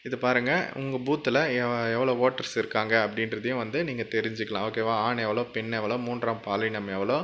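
He talks fast with hardly any pauses, in a medium-pitched, slightly bright voice with a flat delivery. This male tutorial channel host keeps a casual, chatty screen-recorded walkthrough going step by step, checking in with the viewer by saying "okay?"

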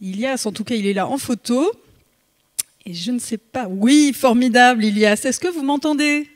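A woman's voice: a little high, normal speed. A woman hosting a live conference session, hesitant and full of filler sounds. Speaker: event host.

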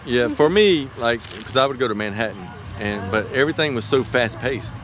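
A man's voice: medium pitch, animated, moderate pace, a crowd in the background. A man interviewing people outdoors in a casual, playful, chatty way. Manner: chatty, playful, laughs easily. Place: outdoors by railroad tracks. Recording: outdoor insect noise. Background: crickets and insects.

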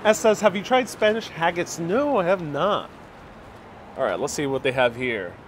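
A man's voice: a little high, lively intonation, unhurried, a little hiss or hum. Male travel vlogger, 30s, from Puerto Rico, casual walking commentary into a handheld phone outdoors. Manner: chatty, explains and translates as he walks. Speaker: travel vlogger live-streaming. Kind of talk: casual live-stream narration. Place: outdoors on a city street beside a market. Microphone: phone held at arm's length.

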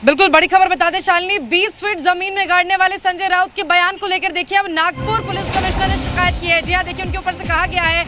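A woman reporter reads out breaking news with urgency, circling back to the same points. Her voice sits very high. Clear background music plays under her. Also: fairly even intonation, quick pace, few pauses, bright, forceful tone, a faint crowd. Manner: urgent, repetitive delivery.

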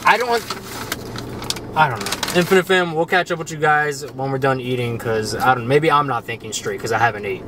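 A man's voice: mid-range voice, brisk. Young man, slangy and exasperated. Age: 20s. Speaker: vlogger. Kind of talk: casual chat. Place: inside a car. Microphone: camera on the dashboard, near. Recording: clearly noisy car interior.

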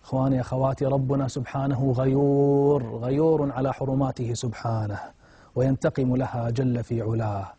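A man's voice: medium pitch, little pitch movement, brisk, warm tone, slightly rough, no room sound. A man preaching a moral sermon, telling a story in a dramatic, impassioned way that swells at emotional moments.

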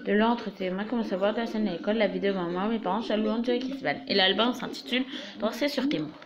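A woman's voice: medium pitch, fast talker, highs cut off, crowd noise. A young woman showing her fan collection to the camera in a casual show-and-tell, chatty and full of filler words, recorded in a small room. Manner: chatty, leans on fillers like "voilà" and "du coup".

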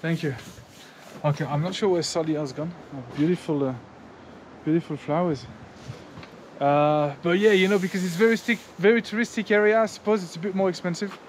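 A friendly motovlogger in his thirties chats with locals and viewers in a mountain village and a small roadside restaurant, sprinkling in lots of fillers and "guys." His slightly high voice has fairly even intonation and a brisk pace, with slight background noise.

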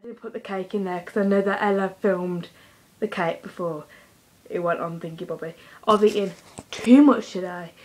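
A woman's voice: lowish voice, normal speed, a little mellow, rough recording. A teenage girl talking casually to her own camera in a chatty, rambling vlog with lots of fillers. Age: teens. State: slightly out of breath. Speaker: vlogger. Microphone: handheld device camera.

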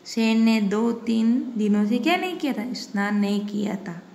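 A woman's voice: a little high, moderate pace, creaky, darkish tone. A woman Hindi teacher giving a lesson, explaining step by step and repeating questions to the children. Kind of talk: online class lesson. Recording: echoey room with faint hiss.

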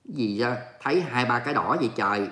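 Vietnamese guy doing a livestream, bright voice, joking around, kinda roomy echo. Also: medium pitch, expressive, fast. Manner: playful, mock-indignant banter with viewers. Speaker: livestream host. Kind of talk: casual livestream chat reading comments. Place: home, living in Texas.

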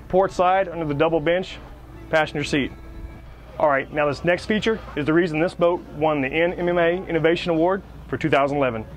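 A man hosting a boat dealer's video, giving an upbeat, salesy walkthrough of a boat. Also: high voice. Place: outdoors at a marina on a boat.

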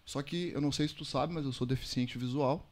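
A man, a podcast guest telling a personal story in a slangy, animated way. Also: mid-range voice, brisk. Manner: animated storyteller, slangy, calls listeners "mano". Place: podcast studio.

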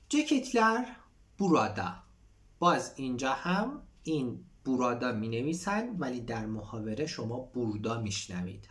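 Man teaching Turkish phrases. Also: medium pitch. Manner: reads Turkish lines aloud, then explains them in Persian. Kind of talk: explaining a textbook dialogue.

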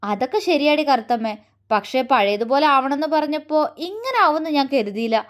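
A woman's voice: sits high, lively intonation, moderate pace. Stern teasing young husband, read by a woman. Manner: grave, then teasing and mocking.

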